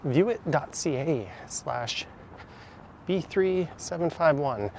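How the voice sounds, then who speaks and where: Man live-streaming a brisk city walk. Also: a little high, animated, darkish tone. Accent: Canadian. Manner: chatty, speaks while power walking. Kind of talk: casual walking commentary. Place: city streets outdoors. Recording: outdoor street noise. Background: traffic and street noise.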